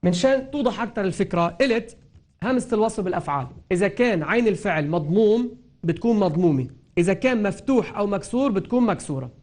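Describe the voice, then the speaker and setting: A Quran recitation teacher with a Lebanese Arabic accent gives a patient spoken lesson on grammar and tajweed, repeating each point and stretching out example words so they're clear. His voice sits noticeably high and a little mellow, and he speaks fast and expressively.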